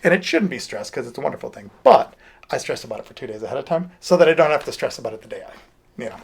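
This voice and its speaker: A middle-aged man talks as a guest in a casual interview. He rambles with many restarts and asides, and his gravelly voice rises and falls over a wide range. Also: medium pitch, animated, fast. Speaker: music producer and studio owner, guest.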